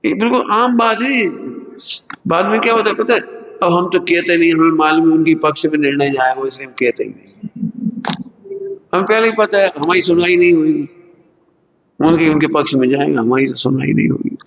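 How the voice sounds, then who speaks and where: A man giving a religious discourse to students, animated and asking his listeners one rhetorical question after another, sometimes acting out other people's voices. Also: fairly high pitch, moderate pace, pauses often. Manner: acts out everyday quarrels in other voices. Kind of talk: Hindi sermon to students. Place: large lecture hall at a school. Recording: long hall reverb, dull lo-fi sound.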